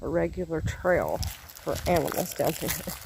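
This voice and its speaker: A lower-pitched woman, chatting casually to her viewers while she walks through the woods by a lake. She sounds a little out of breath. Clear outdoor noise sits behind her handheld recording. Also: animated, moderate pace. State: slightly out of breath. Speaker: vlogger. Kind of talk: casual vlog narration.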